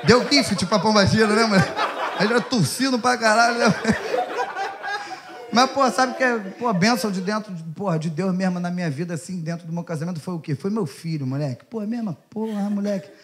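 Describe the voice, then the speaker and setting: A man's voice: high-pitched, a little fast. A man with a Carioca accent doing a stand-up set in a comedy club, brash and profane, teasing the audience. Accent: Carioca Portuguese. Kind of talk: stand-up set with crowd work. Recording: live club crowd laughter and noise.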